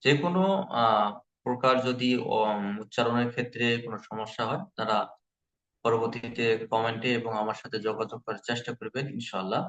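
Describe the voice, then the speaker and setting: A man teaching Quran recitation in an online lesson, patiently repeating each letter sound slowly for learners. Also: mid-range voice, a bit bright, roomy sound.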